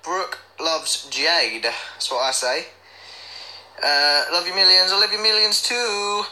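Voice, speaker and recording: A young man hosting a livestream chats casually and reads viewer comments aloud in a playful, silly way, sometimes breaking into snatches of song. His voice is high and sharp-toned, his pace slow, and the recording quality is low.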